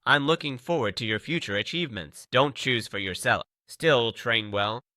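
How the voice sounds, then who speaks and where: A man voicing an arrogant, quick-tempered master swordsman in a story recap, speaking in a haughty, threatening way. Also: mid-range voice, bright, forceful tone, no echo, clean studio sound, lightly acted.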